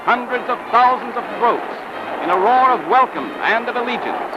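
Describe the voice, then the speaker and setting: A man delivers old newsreel narration in a grand, declamatory manner. His voice sits high for a man. Loud music plays under the whole soundtrack. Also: animated, normal speed, dull audio.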